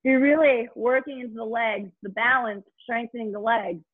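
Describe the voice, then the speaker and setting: A high-voiced woman coaches like an aerobics instructor, upbeat and urging. Her voice has a breathy edge. The recording is slightly dull and muffled. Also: fairly even intonation, moderate pace. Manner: upbeat, encouraging, urging coach with short commands. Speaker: fitness instructor and host. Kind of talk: aerobics instructor leading a workout, calling counts and cues.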